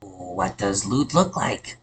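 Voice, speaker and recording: A man's voice: deep voice, lively intonation, takes it slowly, breathy edge, pitched below the performer's own voice, full character voice. A man voicing a small boastful male kobold who thinks he is a dragon, talking in broken, possessive phrases. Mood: grumpy. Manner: broken grammar, repeats no, possessive.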